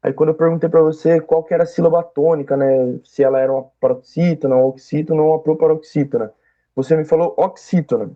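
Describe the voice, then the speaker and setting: A man's voice: on the high side, fairly even intonation, fast talker, highs cut off. Patient, explanatory male examiner. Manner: patient, explanatory, checks understanding often. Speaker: oral exam examiner. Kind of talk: exam feedback.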